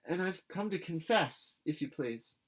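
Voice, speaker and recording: Man voicing earnest, pitched-up orphan girl Anne. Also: expressive, unhurried, a little hiss or hum. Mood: nervous, confessing. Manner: pleading, formal, effusive. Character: earnest, dramatic young orphan girl, eager and talkative.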